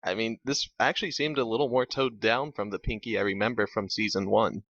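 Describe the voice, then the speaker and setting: A man's voice: on the low side, steady tone, brisk, fairly bright tone, dry recording. A man co-hosting a casual review discussion, explaining his views earnestly. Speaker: podcast co-host. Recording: dull dry lo-fi mic.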